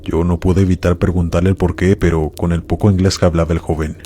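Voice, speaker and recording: A man reading a first-person horror story aloud in a steady, measured storytelling manner, speaking to his listeners. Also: low-pitched, a little hiss or hum.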